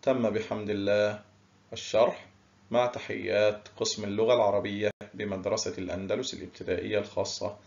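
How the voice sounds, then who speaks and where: A male primary school teacher giving a recorded lesson, stretching key words slowly and praising his pupils often. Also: on the low side, little pitch movement, gravelly, darkish tone, dull audio. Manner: slow, drawn-out word stress, praising pupils.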